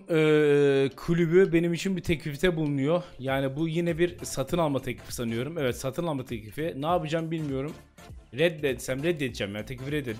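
A young man giving casual, exasperated commentary while playing a football game, ranting at his coach. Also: on the high side. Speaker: gaming YouTuber.

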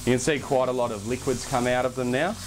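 A young man hosting a casual cooking demonstration in a home kitchen, relaxed and chatty, with self-deprecating asides. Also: mid-range voice, fast. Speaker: cooking show host. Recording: background music under the voice. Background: music and pan sizzling.

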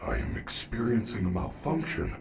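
A man voicing a gentle, polite male robot bear caretaker in a video game, speaking in a calm, formal, measured way. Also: mid-range voice, over loud music, natural voice.

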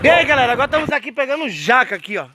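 A man's voice: extremely high pitch, very animated, rapid-fire. A man casually vlogging outdoors on a rural farm, joking and swearing as he narrates to the camera. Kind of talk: casual outdoor vlog chat. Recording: loud wind noise on camera mic.

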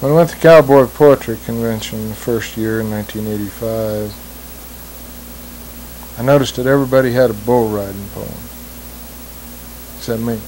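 A man's voice: lowish voice, moderate pace, pauses often, a little mellow, rough recording. A middle-aged man with an American West accent and a plainspoken cowboy twang, telling stories and reciting rhymed cowboy poetry. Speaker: cowboy poet. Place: small wood-panelled room indoors. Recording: hissy old home video sound.

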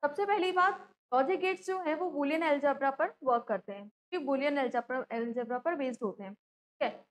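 A woman with a high voice teaches a class a little fast, explaining things step by step and often posing a question only to answer it herself. She says "theek hai" frequently, and the audio quality is poor.

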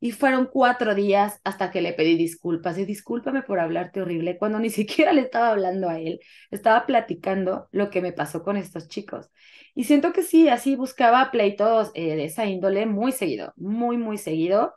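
Her voice mid-range and her speed normal, a young woman with a Mexican Spanish accent relates her personal story during an interview where she is the guest. The telling is animated, and she acts out what people said.

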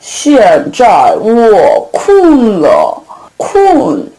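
A woman's voice: on the high side, huge pitch swings, warm tone, full character voice. Woman doing a greedy big bad wolf. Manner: slow exaggerated storybook voice.

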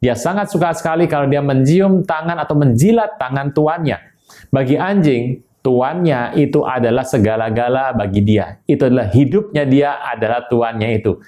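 A man's voice: mid-range voice, normal speed, mellow. A man preaching an online sermon, emphatic and repeatedly addressing his listeners directly.

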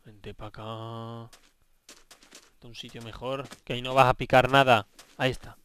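Young man, Spain Spanish accent, let's play host; clear, bright voice; excitable, swears freely. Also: mid-range voice, fast talker. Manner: excitable, swearing, bantering with game characters. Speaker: gaming video host.

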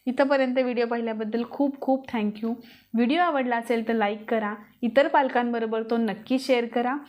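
A woman's voice: on the high side, steady tone, normal speed, dull audio. A woman talking to parents straight to camera in an earnest advice vlog, asking them many rhetorical questions. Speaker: parenting vlogger. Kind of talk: direct-to-camera advice talk.

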